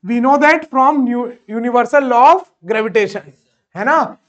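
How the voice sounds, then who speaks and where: A man teaching a physics lesson in Hindi mixed with English terms. He keeps asking questions and answering them himself, and he slows right down when dictating. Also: very high voice, a bit bright. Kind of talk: classroom physics lecture.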